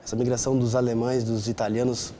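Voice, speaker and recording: Speaking fast in a warm, mid-range voice with flat delivery, this young southern Brazilian man from Rio Grande do Sul chats as an interview guest. He is in his twenties, has a southern Brazilian accent, and keeps adding tag questions to invite agreement.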